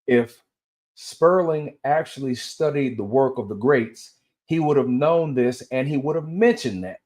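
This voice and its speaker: A man's voice: mid-range voice, expressive, unhurried, darkish tone. A man giving casual commentary and reading aloud as a host, speaking with dental aligner braces in and sometimes stumbling over words and correcting himself. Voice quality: slightly impeded articulation from wearing dental aligners.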